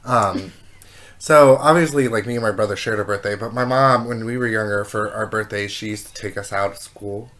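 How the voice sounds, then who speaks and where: Young female co-host, very deep voice, reactive and blunt. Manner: reactive, blunt, quick to gasp and laugh. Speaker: podcast co-host. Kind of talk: casual chat.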